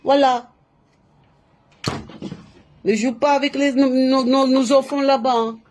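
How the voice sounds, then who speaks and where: Speaking French straight into her phone or webcam on a live stream, a Latin American woman gives her viewers spiritual advice in a casual monologue. Her voice is high-pitched, slow and darkish, with fairly even intonation. She's emphatic and looping, repeating words, restarting sentences and returning to the same fillers.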